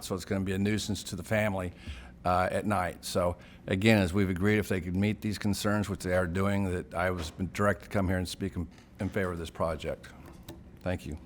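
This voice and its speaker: A man's voice: lowish voice, slight background noise. A man speaking on behalf of neighboring homeowners at a county hearing, plainspoken and easygoing at a podium microphone. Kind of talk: public comment at a hearing. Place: county commission chamber at a podium.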